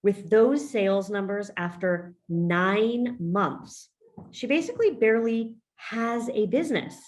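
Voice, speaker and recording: A woman's voice: mid-range voice, expressive, unhurried. A woman hosting a business podcast interview, upbeat and emphatic, now and then saying "y'all". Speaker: podcast host and business coach.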